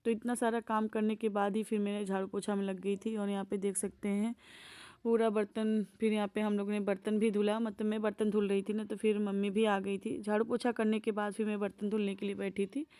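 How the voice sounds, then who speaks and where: A woman's voice: medium pitch, flat delivery, fairly quick, clear, resonant tone. A woman vlogger narrating her daily chores in a homely, chatty voice-over. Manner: homely, chatty, gentle storytelling.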